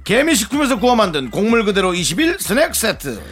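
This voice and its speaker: A man's voice: high voice, very animated, a little fast, fairly bright tone, faint music behind. A man co-hosting a radio show, playfully reading items and chatting in a studio.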